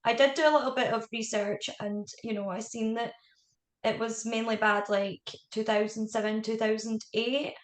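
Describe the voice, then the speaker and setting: Scottish woman podcast host, bit high-pitched, friendly, roomy echo. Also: flat delivery, moderate pace. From Scotland. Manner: friendly, easy-going, prone to laughing. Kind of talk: casual interview chat.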